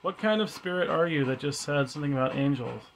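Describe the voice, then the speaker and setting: A man's voice: a little high, fast talker, vocal fry, rough recording. A man talking casually as a paranormal investigator, musing aloud and putting questions to spirits during a session at home.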